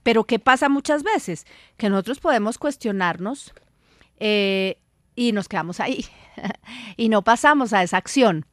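A woman hosting a podcast, agreeing warmly with her guest and moving to the next point. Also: on the high side, animated, a little slow, no echo. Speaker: podcast host. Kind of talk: conversational podcast interview. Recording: dry close sound.

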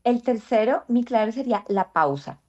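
A woman's voice: on the high side, expressive, moderate pace, darkish tone. A woman explaining ideas in a podcast conversation, reflective and full of rhetorical questions. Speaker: guest speaker. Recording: dull lo-fi sound.

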